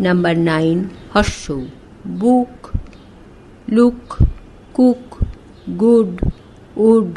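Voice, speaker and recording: A woman's voice: a little high, drawn-out words, long pauses, dark tone, a little hiss or hum, low-quality recording. A woman reading an English textbook aloud, spelling each word letter by letter, then saying it and giving its meaning. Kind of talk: slow spelling and pronunciation drill.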